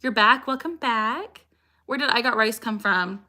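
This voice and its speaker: A young woman's voice, a little high, pushed and bright, carries a casual livestream where she answers viewers' questions at a measured pace. Upbeat and quick to laugh, she has sentences broken by sudden vocal tics.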